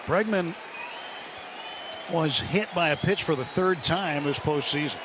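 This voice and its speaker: Here a slightly high-voiced man works the booth as the announcer, giving radio play-by-play of a baseball game at a measured pace in short present-tense calls. A crowd is audible, and the live broadcast is thick with loud ballpark noise.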